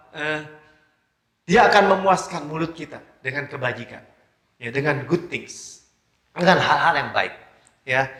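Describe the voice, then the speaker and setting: A male pastor delivers a sermon with a high, bright, forceful voice. He talks in short bursts broken by hesitations and a repeated affirming filler. The room around him rings with echo, as in a church hall. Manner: emphatic preaching with frequent hesitations. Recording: roomy echo.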